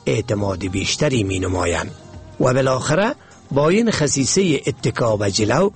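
A man narrating a moral fable in a measured, moralizing storytelling manner. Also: medium pitch, expressive, slightly rough, soft background music.

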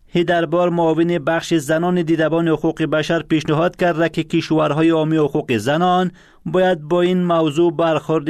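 News guy with an afghan dari accent, fairly high voice, smooth and clear, dry studio sound. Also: dry recording. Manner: steady formal newsreading. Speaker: news anchor. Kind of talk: scripted news reading.

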